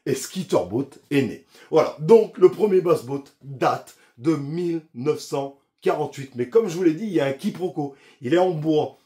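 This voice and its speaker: A man's voice: on the high side, lively intonation, normal speed, few pauses, mellow. A man hosting a casual fishing vlog, talking straight to the viewer in a chatty, slangy way with restarts and asides. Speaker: fishing YouTuber.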